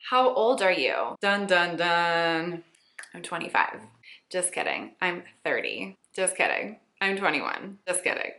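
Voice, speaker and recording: Bright-voiced chatty woman in her late twenties. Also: on the low side, expressive, unhurried, roomy sound. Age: late 20s. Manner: chatty, playful, self-teasing. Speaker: lifestyle blogger. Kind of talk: casual rapid-fire Q&A vlog.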